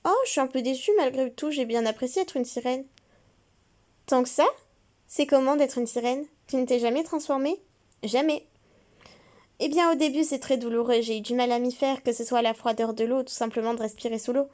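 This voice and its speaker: Woman host, high voice, casual reader of game scenes. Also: brisk, a little mellow. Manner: chatty, breaks off with asides. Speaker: let's play host. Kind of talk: reading game dialogue aloud.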